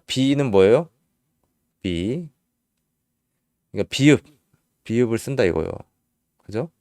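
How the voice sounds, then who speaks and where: A man teaching English spelling in Korean, slowly spelling out letters and repeating each sound patiently. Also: lowish voice, a little mellow, no room sound, clean studio sound. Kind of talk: casual spelling lesson.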